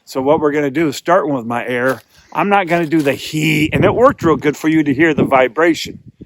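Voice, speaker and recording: A man's voice: on the high side, brisk, noisy background. A man giving a hands-on beginner tutorial as a calling instructor, explaining patiently and repeating himself as he demonstrates.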